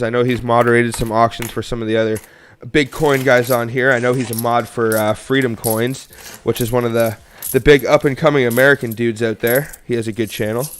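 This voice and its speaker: Young canadian guy rambling to his live chat while sorting coins, smooth clear voice, middle pitch. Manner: chatty, rambling, upbeat asides to viewers. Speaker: coin roll hunting livestream host.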